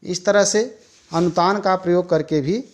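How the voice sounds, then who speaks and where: Slow, deliberate male Hindi lecturer. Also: sits high. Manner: measured, listing points one by one with pauses. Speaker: teacher educator. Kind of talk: slow lecture reading from notes.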